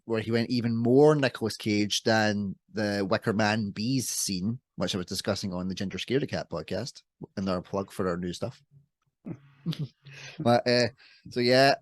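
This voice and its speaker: A man's voice: lowish voice, dry recording. A young man co-hosting a casual podcast chat, joking and rambling with frequent laughs. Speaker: podcast co-host.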